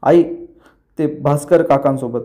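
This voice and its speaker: A man's voice: on the high side, a little slow, dark tone, natural voice. A man voicing a young husband from a TV serial, apologising in a subdued way. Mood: guilty.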